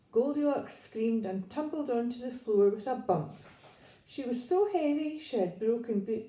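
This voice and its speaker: A woman reading a children's story aloud in a gentle, expressive storybook manner. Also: fairly high pitch. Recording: echoey room.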